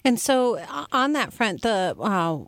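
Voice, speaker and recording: A woman's voice: fairly high pitch, big pitch swings, takes it slowly, no room sound. A woman hosting an interview show, introducing her guest eagerly and stumbling over fillers and restarts. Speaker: podcast host.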